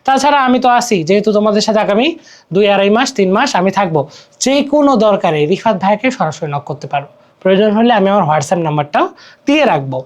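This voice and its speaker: A man's voice: high voice, animated, fast. A young man with a Bangladeshi Bengali accent teaching an exam-prep grammar lesson, explaining step by step and repeating words while asking checking questions. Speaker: tutor.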